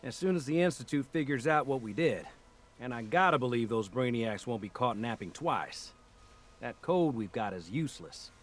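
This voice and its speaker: A man's voice: mid-range voice, lively intonation, normal speed, close to an everyday voice. An actor playing a nervous male scientist who explains a teleport machine. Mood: explaining.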